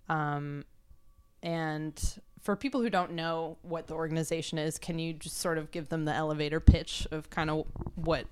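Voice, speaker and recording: A woman hosts a relaxed interview with a smooth, clean voice that sits a little low. She chats easily and pokes fun at herself, dropping in plenty of ums. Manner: chatty and self-deprecating, with hesitant fillers. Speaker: podcast host. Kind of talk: casual interview.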